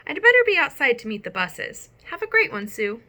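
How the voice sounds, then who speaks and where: A woman voicing a brisk, friendly male school principal. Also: high voice, sing-song, pushed and bright, voice pushed up, full character voice.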